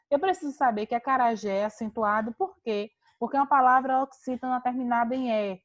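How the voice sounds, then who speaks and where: A woman teacher giving an online class on a video call, explaining step by step with patient rhetorical questions. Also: high-pitched.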